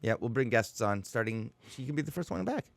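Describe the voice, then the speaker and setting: A man's voice: medium pitch, lively intonation, a little fast, vocal fry, no echo. A man co-hosting a podcast as a comedian, chatting casually and teasing his co-hosts, often breaking into laughter. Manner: joking, teasing, bursts of laughter. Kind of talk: casual chat.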